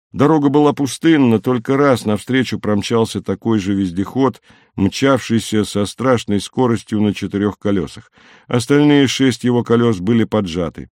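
Low-voiced man reading an audiobook. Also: darkish tone, no echo, studio quality. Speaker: narrator.

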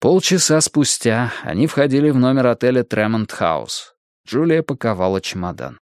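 A man narrating an audiobook in a steady, measured storytelling manner. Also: medium pitch, dry recording, clean studio sound. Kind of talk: scripted narration.

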